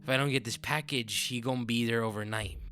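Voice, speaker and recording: A man voicing a creepy, cutesy woman passenger who drawls in a slow country vernacular. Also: medium pitch, steady tone, pushed and bright, lightly acted. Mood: unsettling.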